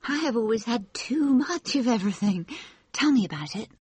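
A man voicing an earnest, gentle young woman, speaking softly and seriously in a raised voice. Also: very high voice, lively intonation, moderate pace, husky, dry recording, voice pushed up, full character voice.

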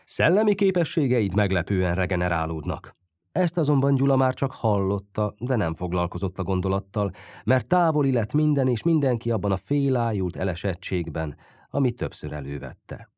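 Male audiobook narrator, low voice, very animated reading, dry close mic. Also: no room sound. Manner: expressive, lively storytelling. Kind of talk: scripted narration.

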